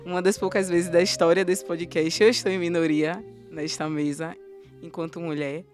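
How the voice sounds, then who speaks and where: A woman hosting a podcast, speaking thoughtfully with frequent pauses and fillers. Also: on the low side, level tone, a little mellow, faint music behind. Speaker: podcast host. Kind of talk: casual podcast conversation.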